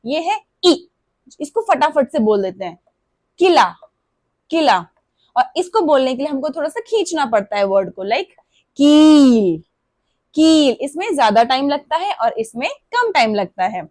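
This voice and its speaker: A woman teaching parents how to explain vowels to young children, drawing out and repeating example words slowly. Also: high voice, big pitch swings, darkish tone, no echo, clean studio sound. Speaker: preschool Hindi teacher.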